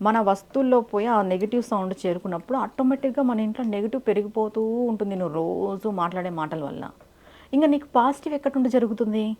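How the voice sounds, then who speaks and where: A woman's voice: mid-range voice, lively intonation, very fast, a little mellow. A woman giving devotional advice in a direct, instructive way, often asking rhetorical questions. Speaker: spiritual speaker.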